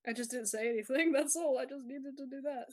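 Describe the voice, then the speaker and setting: A young woman chats casually on a live stream from home, speaking quickly in a high voice and rambling with lots of fillers and laughter while music plays.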